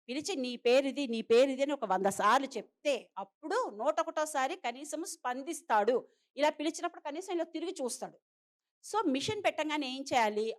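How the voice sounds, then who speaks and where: A middle-aged woman giving a seminar lecture to parents. She explains step by step, mixes in English terms and asks the audience rhetorical questions. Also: high-pitched. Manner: mixes many English terms into her talk. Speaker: trainer of parents of hearing-impaired children.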